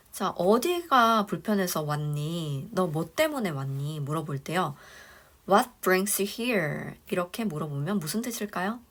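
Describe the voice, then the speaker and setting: A woman teaching English phrases for a dental clinic front desk, explaining step by step and slowing down for each English phrase. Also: lowish voice. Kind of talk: spoken lesson.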